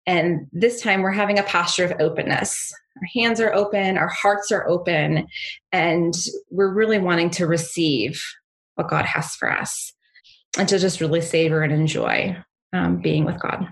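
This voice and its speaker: A woman with a slightly low voice leads a contemplative spiritual practice. Her manner is calm and gentle, guiding listeners to settle and ground themselves as a prayer leader would. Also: moderate pace, vocal fry. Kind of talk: guided spiritual meditation and teaching.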